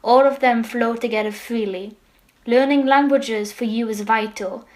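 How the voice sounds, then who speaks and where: A woman's voice: a little high, steady tone, unhurried, a little mellow, rough recording. A woman delivering a reflective scripted monologue, switching between languages.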